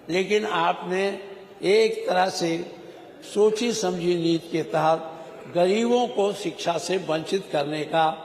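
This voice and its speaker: A middle-aged man giving a rhetorical floor speech as a legislator, scolding and teasing the ministers. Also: high voice. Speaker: legislator speaking in the state assembly. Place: large legislative chamber. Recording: echoey hall broadcast audio.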